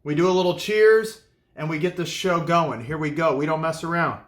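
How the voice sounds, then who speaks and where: A man's voice: fairly high pitch, moderate pace. A man hosting his own vlog in a casual, upbeat, chatty way, talking straight to viewers while snacking. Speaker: vlog host and DJ. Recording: echoey room.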